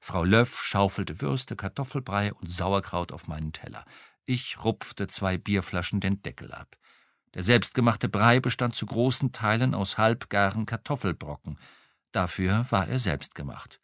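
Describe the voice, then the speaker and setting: A man reading a first-person crime novel aloud, telling it in a wry, lively way. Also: on the low side, a little slow, no room sound, studio quality. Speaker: audiobook reader.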